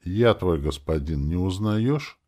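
A man voicing a blunt, irritable young male dark mage who swears. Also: sits low, expressive, slow pace, exaggerated voice. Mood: irritated. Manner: gruff, swearing.

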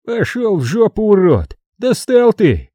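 A frantic, crude-mouthed sapper, as a man puts him on for an audiobook, yelling in a high, strained pitch. His shouts are loud, and the voice is husky and warm on a dry recording. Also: huge pitch swings, a little slow, no room sound, full character voice. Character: panicky middle-aged male sapper, rough-tongued. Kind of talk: audiobook character reading.

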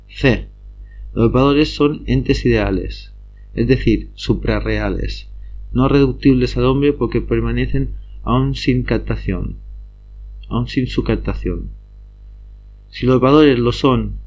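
A man reading lecture notes aloud at a steady pace, often stumbling and restarting words. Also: mid-range voice. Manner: reads steadily with frequent slips and restarts. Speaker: reader of study notes. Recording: slightly dull lo-fi recording.

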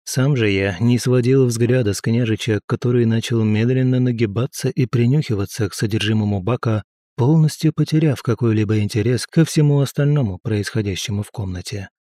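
A man narrating an audiobook in the first person with a steady, measured reading. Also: medium pitch, no echo, studio quality.

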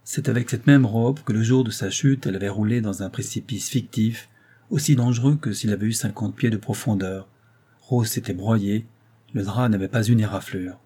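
A man narrating a novel in a measured, even reading. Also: on the low side, husky. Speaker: audiobook narrator. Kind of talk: scripted literary narration.

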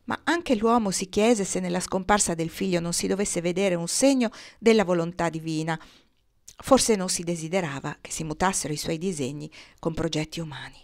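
A woman reading a novel aloud in an expressive, measured storytelling manner. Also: on the low side. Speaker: reader.

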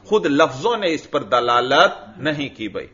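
Bright-voiced man teaching Arabic grammar. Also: mid-range voice, very animated, dull audio. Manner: reads Arabic lines in a chanting tone, then explains them; addresses listeners as brother, checks they follow. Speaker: religious teacher. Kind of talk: Urdu lecture explaining an Arabic grammar text.

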